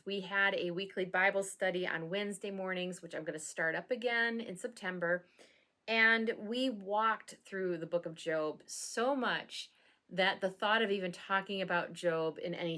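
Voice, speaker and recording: A woman pastor talking casually to camera in a satirical vlog, with a dry, deadpan sense of humor and occasional laughing asides. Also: medium pitch.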